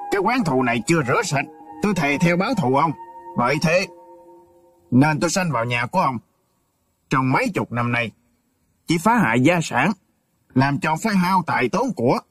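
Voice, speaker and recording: A resentful son coldly rejects his father in a rapid, clipped delivery, as a male storyteller voices him. Faint music sits underneath. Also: a little high, husky, no room sound. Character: vengeful son, cold and bitter.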